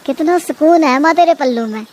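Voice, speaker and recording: A woman voicing a meek young husband in a cartoon, in a mild, lowered voice. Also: a little fast, a little mellow, lightly acted. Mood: content.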